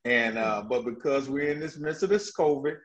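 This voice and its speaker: A man talking as a guest in a casual interview, an energetic storyteller who laughs often and restarts his sentences. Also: medium pitch, normal speed. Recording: dull lo-fi audio.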